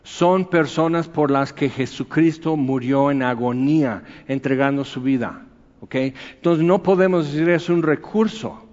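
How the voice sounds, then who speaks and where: Pastor preaching in a hall. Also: male voice, on the high side, a little slow, a little mellow, muffled recording. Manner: anecdotal, conversational storytelling with acted quotes. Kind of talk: sermon.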